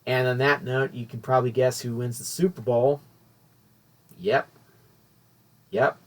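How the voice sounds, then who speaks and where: A man's voice: medium pitch, little pitch movement, measured pace. A man hosting a casual solo podcast, rambling and correcting himself as he talks. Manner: rambling, self-correcting, chatty. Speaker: podcast host.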